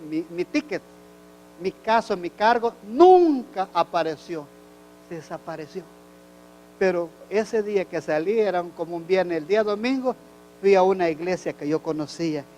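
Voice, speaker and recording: A man preaching with fervor in a high voice, rising to loud cries and dropping to hushed confession. A faint noise sits under the recording. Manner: fervent, shifts from loud exclamations to quiet confessional storytelling. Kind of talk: sermon.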